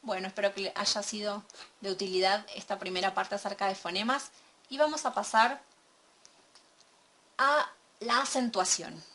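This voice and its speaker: A woman gives a recorded language lesson from slides. Her voice is bright and clear at a middle pitch. She explains patiently, step by step, and checks in with her students along the way. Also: moderate pace, pauses often. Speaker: English teacher.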